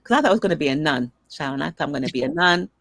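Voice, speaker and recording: A middle-aged woman, an interview guest, telling personal stories in a lively, conversational way and acting out the voices of people she quotes. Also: low-pitched, very fast, no echo. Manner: animated storyteller who acts out dialogue. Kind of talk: conversational storytelling.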